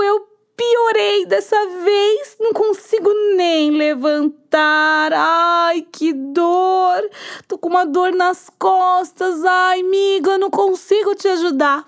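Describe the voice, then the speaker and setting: A woman voicing a lazy female cockroach who pretends to be sick, moaning in a high, pitiful voice. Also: heavily acted. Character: lazy whiny female cockroach faking sickness.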